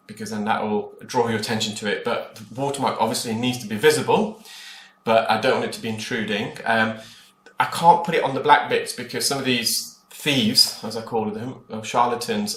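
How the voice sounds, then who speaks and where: A man's voice: fairly low pitch, bright, forceful tone. A man giving informal explanatory voice-over in a hesitant, rambling way, talking to viewers as a clinician. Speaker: ear care clinician narrating own procedure videos. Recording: echoey room, clear background noise. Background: background noise of the procedure.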